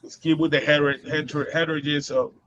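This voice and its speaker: A man's voice: a little high, flat delivery, a little fast, a bit bright, lo-fi sound, a little hiss or hum. A man with a Boston accent hosting a casual live show, rambling with many fillers and laughing often. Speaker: host.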